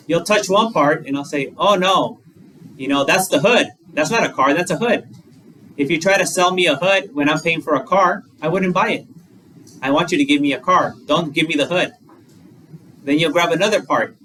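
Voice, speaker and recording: In a slightly high, pushed and bright voice, a monk delivers a dharma talk, chatting through everyday examples and posing rhetorical questions. Faint room noise comes through a distant microphone.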